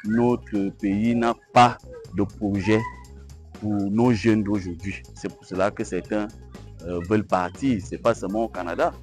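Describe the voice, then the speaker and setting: Low-voiced young man, deliberate. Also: fairly even intonation, darkish tone, soft background music. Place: outdoors, street. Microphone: lapel.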